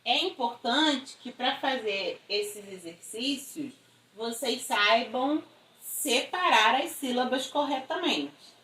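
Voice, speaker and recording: A woman's voice: a little high, expressive, takes it slowly, bright, forceful tone. A woman teacher with a Brazilian Portuguese accent gives a recorded video lesson to schoolchildren. She explains step by step and keeps checking in with tag questions. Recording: echoey room, voice from a distance.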